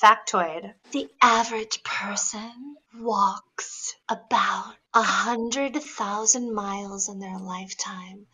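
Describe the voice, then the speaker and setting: A woman hosting a podcast quiz, teasing her guests in loud, playful banter. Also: mid-range voice, slow pace, few pauses, slightly rough. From New York. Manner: jokey, teasing, loud and animated. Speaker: podcast host.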